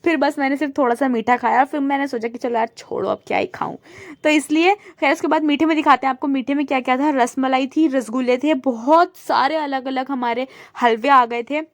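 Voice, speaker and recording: A woman's voice: sits high, fairly even intonation, a little fast, no room sound, studio quality. A young woman vlogging in a chatty, casual way, talking viewers through what she is showing them. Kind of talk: casual vlog narration.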